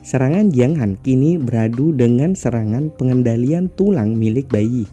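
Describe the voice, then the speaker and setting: A man's voice: medium pitch, lively intonation, normal speed, dark tone, husky, soft background music. A man narrating a comic story recap casually, with explanatory asides to listeners.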